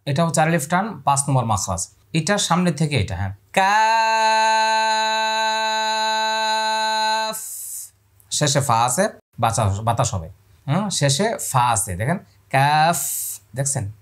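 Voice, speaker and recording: A man teaching Quran pronunciation step by step, explaining calmly and then drawing out each letter sound in long calls. He asks his own questions and answers them for the viewer. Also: mid-range voice, normal speed, slightly rough.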